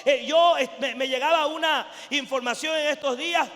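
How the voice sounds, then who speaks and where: A man preaching a fervent sermon, switching between shouted proclamations and quiet, close asides. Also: normal speed, a faint crowd. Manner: swings from shouted proclamation to low intimate asides. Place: church service hall. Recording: echoey church hall with long reverb.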